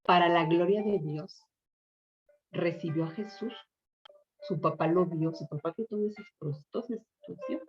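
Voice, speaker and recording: A middle-aged woman pastor with a low voice, recounting a testimony to her congregation with earnest, emotional storytelling. The recording is muffled and lo-fi, with faint music playing underneath. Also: moderate pace. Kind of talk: testimony sermon.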